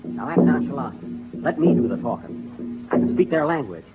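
A man's voice: mid-range voice, lively intonation, moderate pace, over music, natural voice. A man playing a brash, wisecracking male explorer in a 1930s radio comedy, full of puns. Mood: cocky. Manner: wisecracking, punning. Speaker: comic lead. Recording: tinny lo-fi 1930s radio broadcast, studio audience.

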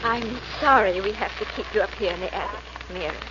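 A woman acting a polite, apologetic farm wife who stays firm, in vintage radio style. Her mid-pitched voice sits in a dull, very noisy recording. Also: quick pace, close to an everyday voice.

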